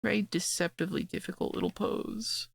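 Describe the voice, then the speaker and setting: A young woman streamer with a raspy voice from being sick, chatting casually and laid-back while she draws. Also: medium pitch, fairly even intonation, a little fast. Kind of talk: casual chat while drawing.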